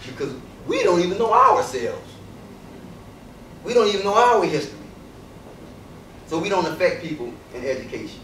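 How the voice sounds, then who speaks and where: His voice sits high with wildly swooping pitch and a fairly bright tone, moving at a moderate pace with long pauses. An invited speaker, he delivers an emphatic address to students in a university lecture hall, throwing rhetorical questions at them. Slight background noise accompanies the distant, echoey recording.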